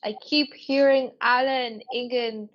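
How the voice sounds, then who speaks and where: A woman's voice: fairly high pitch, fairly even intonation, takes it slowly. A woman taking part in an online quiz over a video call, hesitant and thinking aloud as she guesses. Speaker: quiz participant. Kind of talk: casual online quiz chat. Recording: dull lo-fi video call audio.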